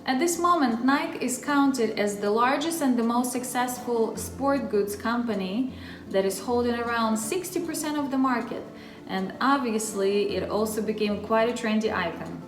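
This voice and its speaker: A woman from Russia with a Russian accent, hosting her own channel and explaining a topic in a chatty, friendly way straight to the viewer. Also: fairly high pitch. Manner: chatty, friendly direct address. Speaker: channel host. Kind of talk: casual explainer vlog. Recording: roomy echo with faint music.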